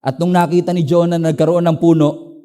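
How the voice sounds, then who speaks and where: Filipino pastor guy preaching, high voice, swings from loud emphatic bits to quiet low asides. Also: fast, clean tone. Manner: animated storytelling, swings between emphatic highs and low asides. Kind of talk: preaching a sermon in Taglish.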